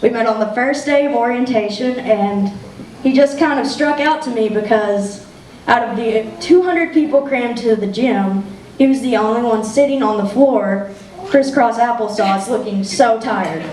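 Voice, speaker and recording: A woman's voice: a little high, moderate pace, a little mellow. A young woman giving an emotional wedding toast as the best friend, laughing often and close to tears. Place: wedding reception room. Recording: echoey room, distant mic, faint noise.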